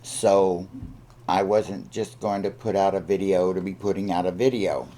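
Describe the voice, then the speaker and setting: A man hosting a casual, unscripted vlog update, speaking haltingly with frequent ums and pauses. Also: deep voice, fairly even intonation, mellow. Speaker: video channel host.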